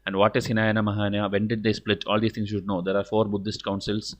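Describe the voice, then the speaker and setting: An Indian-accented man lectures informally as an exam coach. He talks rapidly in a slightly low voice. His delivery is blunt, stern and didactic, peppered with "okay". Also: completely flat delivery. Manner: repeats "okay" as a verbal tic.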